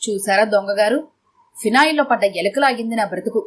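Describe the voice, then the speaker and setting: A man's voice: high-pitched, fast, fairly bright tone, slight background noise. A woman narrator voicing a henpecked husband who is meek and sarcastic. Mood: sarcastic pleading.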